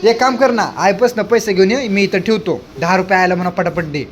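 High-voiced man teasing playfully. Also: a little fast, a little hiss or hum. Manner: playful teasing, mock scolding. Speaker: vlogger, father. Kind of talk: casual family vlog.

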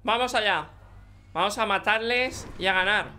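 Excitable young Spanish man, high bright voice, gaming commentary over faint background noise. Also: normal speed. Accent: Spanish from Spain. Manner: excitable, joking, talks to teammates. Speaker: gaming YouTuber. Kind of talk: live gameplay commentary.

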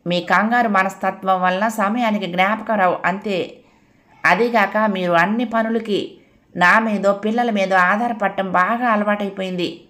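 A woman voicing a sharp-tongued, sensible housewife who scolds and lectures her husband. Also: medium pitch, fairly even intonation, a little slow, natural voice. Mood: lecturing.

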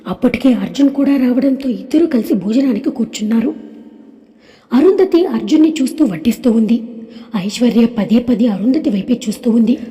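A woman narrating an audio story in a steady, even way. Her voice is mellow and dark yet sits fairly high, and a long hall reverb surrounds it. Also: a little fast.

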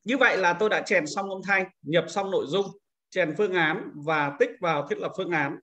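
A man giving a patient, step-by-step screen-recorded software tutorial to teachers, explaining each click as he goes. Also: high-pitched, moderate pace, highs cut off. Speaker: teacher trainer.

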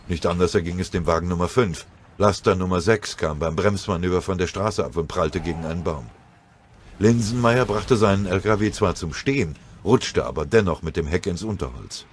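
A man narrating a war audiobook in a steady, dramatic reading. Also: low voice, slight background noise. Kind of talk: scripted narration.

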